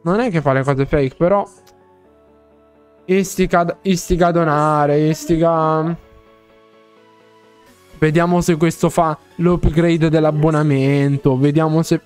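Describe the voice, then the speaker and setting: A man streaming a game live, chatting casually with viewers, excitable and playfully pleading, often laughing. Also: fairly high pitch, takes it slowly, pauses often, clear, resonant tone, faint music behind.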